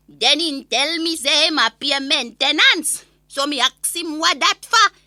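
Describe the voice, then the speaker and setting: Woman playing a bright, high-voiced ranting Jamaican granny. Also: no echo, clean studio sound, full character voice. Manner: gossipy, exasperated, animated storytelling. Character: opinionated elderly Jamaican granny, complaining and indignant. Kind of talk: comic monologue rant in an audio story.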